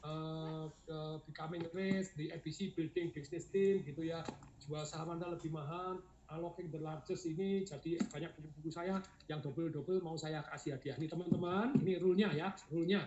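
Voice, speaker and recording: A middle-aged man leads a motivational seminar with a high, energetic voice, laughing and urging the crowd to shout. His voice rings around a roomy space, and the recording sounds dull and lo-fi. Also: gravelly, slight background noise. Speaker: seminar speaker.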